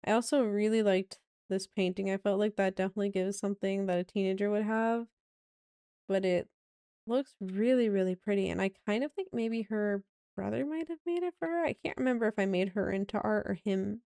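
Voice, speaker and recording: A young woman with a raspy, mellow, medium-pitched voice casually narrates a tour of a house she built in a game. She rambles with lots of fillers. The recording is studio quality with no echo.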